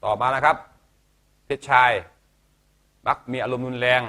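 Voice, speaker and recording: A man's voice: mid-range voice, fairly even intonation, a little slow, sharp tone. A male teacher giving a health lesson to students, chatty and joking, often asking the class questions.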